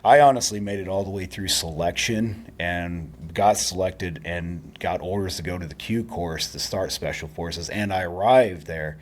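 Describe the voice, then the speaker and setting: Deep-voiced army veteran, low-key storyteller. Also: male voice, moderate pace, hardly any pauses. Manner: low-key, trails off quietly with fillers. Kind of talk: casual interview storytelling.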